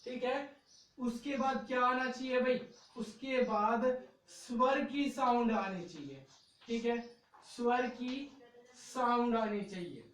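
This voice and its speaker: A man's voice: very high voice, takes it slowly, fairly bright tone, far from the mic. Male teacher in a very echoey room. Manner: patient, repetitive, ends phrases with "okay" and "brother". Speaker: English teacher. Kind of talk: classroom-style video lesson.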